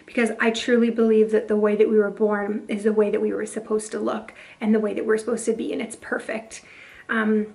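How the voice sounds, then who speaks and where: A woman vlogger talking earnestly and confidingly to camera, her voice hoarse and partly lost after a breathing tube. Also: mid-range voice, level tone, brisk, hardly any pauses, darkish tone. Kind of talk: earnest personal talk to camera.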